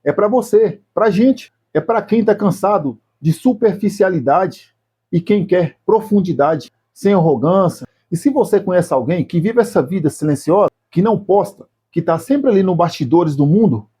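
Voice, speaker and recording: A man with a Brazilian Portuguese accent, his voice somewhat high for a man yet mellow and a little husky. He talks straight to the viewer in a reflective video essay, slow and deliberate, laying out short phrases one at a time. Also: lively intonation. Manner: speaks slowly and deliberately, addressing the viewer directly in short phrases. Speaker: YouTube channel host.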